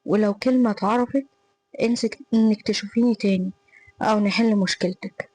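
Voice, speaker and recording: A woman's voice: mid-range voice, fairly even intonation, fairly quick, darkish tone, lightly acted, rough recording. A woman reading the part of a cruel, scornful young male tutor in an Egyptian Arabic accent, harsh and threatening.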